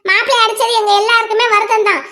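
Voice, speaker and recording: A woman voicing an outspoken young village wife in a cartoon family drama, who argues quickly and talks back to her elders. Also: very high-pitched, little pitch movement, pushed and bright. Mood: argumentative. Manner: fast, argumentative, reasoning. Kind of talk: cartoon voice acting.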